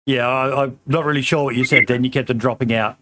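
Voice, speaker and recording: A middle-aged man hosts a relaxed, casual podcast in a slightly hoarse, medium-pitched voice. He rambles easily, fills pauses with ums and calls people mate.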